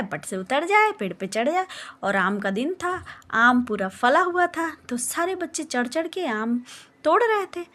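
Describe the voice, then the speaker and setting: A young woman with a high-pitched voice tells a childhood story in a chatty, lively vlog style. She keeps turning to her viewers and calls them friends. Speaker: vlogger.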